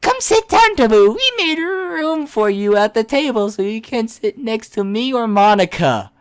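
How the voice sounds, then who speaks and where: A woman's voice: on the high side, very animated, unhurried, pitched above the performer's own voice. A woman voicing a cheerful, eager anime schoolgirl from a visual novel game, with a sweet, sing-song manner. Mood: welcoming.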